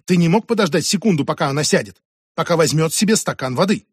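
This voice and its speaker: A curt army captain, a woman used to giving orders, as a male reader puts her on. She presses politely but firmly, in a fairly high voice recorded dry and close. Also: sing-song, moderate pace, husky, no room sound. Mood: impatient. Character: stern weary female army captain.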